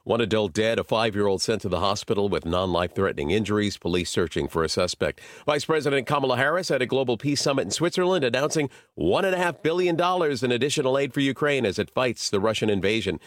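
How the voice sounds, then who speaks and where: A man's voice: medium pitch, expressive, fast, few pauses, no echo, studio quality. An American man reading a scripted radio news bulletin in a clipped, formal delivery.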